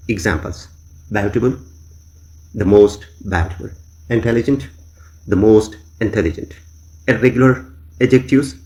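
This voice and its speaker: A man teaching an English grammar lesson in Urdu, slowly dictating each example phrase by phrase. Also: fairly low pitch, a little mellow. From Pakistan. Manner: slow, deliberate dictation of examples.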